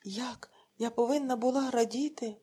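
A woman's voice: a little high, normal speed, dark tone, breathy edge. A woman voicing a proud, bitter village wife who speaks curtly and harshly. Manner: curt, harsh.

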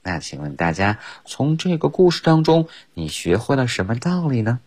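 A male teacher on a radio lesson, reading a children's story in two languages with slow, expressive storytelling and big pitch swings. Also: breathy edge. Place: radio studio.

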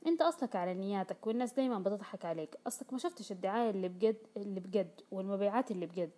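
A woman's voice: medium pitch, very fast, dark tone, lightly acted. A woman voicing a scornful male business partner. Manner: lecturing, belittling.

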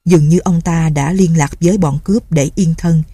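A woman reading a long story aloud in a steady narrating manner. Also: sits low, normal speed, husky, dry recording.

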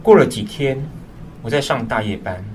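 A man with a medium-pitched, expressive, darkish voice speaks at normal speed, lightly acted, as the burdened, dutiful eldest son in a radio drama. He narrates his troubled story in the first person from a script, solemn and earnest. The mic sits slightly distant, with music behind him and slight background noise.

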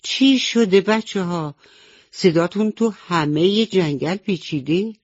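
A woman voicing a wise little mouse who calmly reasons and makes peace in a children's radio story. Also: on the low side, no echo, pitched above the performer's own voice, natural voice. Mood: surprised. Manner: calm, reasoning, explaining. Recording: dull dry old radio recording.

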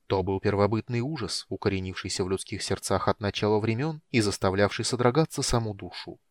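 A man reading fantasy narration in an audiobook with a steady, measured delivery. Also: lowish voice, no room sound, studio quality.

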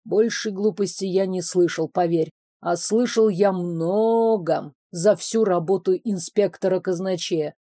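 A woman reading an audiobook, voicing a sarcastic male duke who talks in a slow, lowered, mocking way. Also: warm tone, dry recording.

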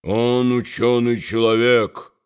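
Man narrating as an old monk, scornful, slow and measured, a bit lower than the narration. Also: little pitch movement, smooth, close to an everyday voice. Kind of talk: audiobook reading.

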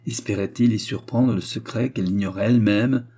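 Male audiobook narrator, mellow tone, husky, measured reading. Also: lowish voice. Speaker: audiobook reader.

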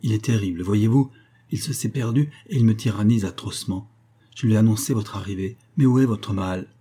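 A man's voice: lowish voice, brisk, mellow, slightly rough. A man voicing an anxious young woman whose husband is dying, in a pleading, earnest tone. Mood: urgent.

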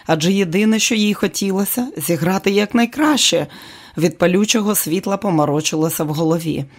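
A narrator reading an audiobook in a steady, even manner. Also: mid-range voice, fairly quick.

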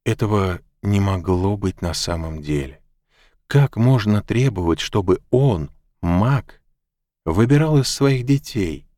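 Deep-voiced male audiobook narrator. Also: expressive, slow, warm tone, dry recording, studio quality. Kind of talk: scripted narration.

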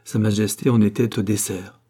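A man's voice: lowish voice, level tone, normal speed, mellow, slightly rough. A man reading a classic novel aloud as an audiobook narrator, lifting his voice a little for the quoted lines. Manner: reads all parts himself, lifting his voice for quoted lines.

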